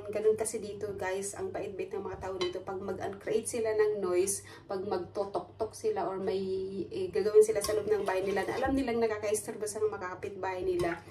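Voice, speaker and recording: Filipina vlogger, distant home recording. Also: female voice, fairly high pitch. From Philippines. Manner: animated, retells with quoted dialogue and laughs. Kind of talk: casual storytelling to viewers. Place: home in Sweden, kitchen. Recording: distant home mic, faint ambient noise.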